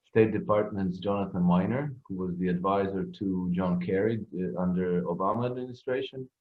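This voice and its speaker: A man from Croatia, a guest on an online round-table chat, speaking in a hesitant, halting way. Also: fairly low pitch. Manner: hesitant, halting with repeated starts. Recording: tinny phone-like call audio.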